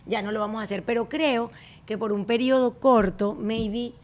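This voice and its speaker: Lively woman hosting a chat. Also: fairly high pitch. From Venezuela. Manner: lively, mixes in halting English. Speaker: podcast host. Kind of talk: casual chat.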